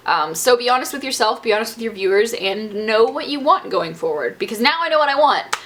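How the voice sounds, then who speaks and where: A woman's voice: fairly high pitch, expressive, a little fast, fairly bright tone. A young adult woman, a beauty vlogger, answering viewer questions in a bubbly, chatty and playful way. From Southern US. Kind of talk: casual Q&A vlog.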